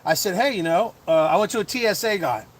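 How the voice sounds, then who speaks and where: A middle-aged man hosting a casual livestream chat as a comedian, rambling with lots of fillers and quick chuckles. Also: sits high, expressive, a little hiss or hum. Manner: chuckling, full of fillers and restarts.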